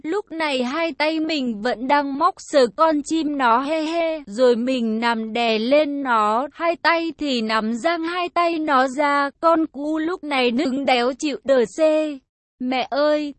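Slow high-voiced woman telling a story. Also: dry recording. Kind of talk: first-person story narration.

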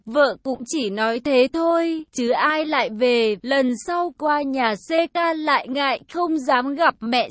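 A woman's voice: sits high, dry recording. A woman reading an online love story aloud in a casual, slangy first-person narration. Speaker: story reader.

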